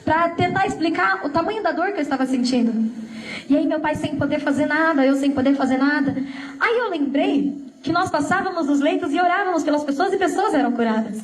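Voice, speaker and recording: A woman's voice: high-pitched, lively intonation, fairly quick, distant mic. A woman giving a sermon testimony, telling her story earnestly and speaking straight to the congregation. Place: church. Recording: echoey church room.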